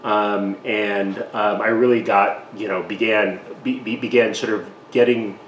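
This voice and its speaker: A man's voice: on the low side, steady tone, measured pace. A middle-aged man from Taiwan, a guest in an interview, talking in a self-deprecating way with many restarts. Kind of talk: casual interview. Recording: echoey room with faint noise.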